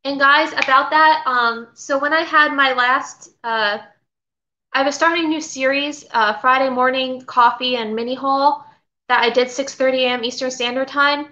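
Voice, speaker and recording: Streaming live from her home kitchen, this middle-aged Florida woman sells vintage goods and rambles through a casual haul while reading viewer comments. She speaks high and steady at normal speed, with a sharp tone. The audio comes from a webcam at her desk and is slightly dull and lo-fi.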